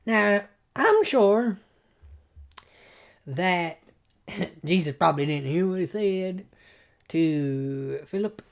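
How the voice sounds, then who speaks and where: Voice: mid-range voice, lively intonation, extremely slow, creaky, pauses often. A Bible study teacher talking casually and thinking aloud, often stopping and repeating words.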